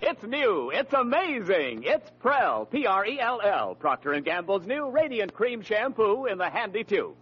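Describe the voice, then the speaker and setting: A man's voice: high-pitched, very animated, normal speed, hardly any pauses. An American man announcing in dramatic, emphatic 1940s radio style. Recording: muffled vintage radio with music behind. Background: music.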